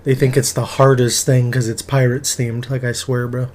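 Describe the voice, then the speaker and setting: A young man co-hosting a casual podcast, teasing and pushing with quick questions. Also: mid-range voice, flat delivery, darkish tone, slight background noise. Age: young adult. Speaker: podcast co-host. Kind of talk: casual chat.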